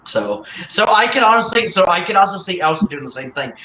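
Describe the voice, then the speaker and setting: Male streamer, chatty and rambling with stop-start phrasing; sharp, bright voice in an echoey room. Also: high voice, sing-song, slight background noise. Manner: rambling, halting, with many restarts and repeated words. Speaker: livestream host. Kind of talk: casual chat on a livestream. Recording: roomy echo.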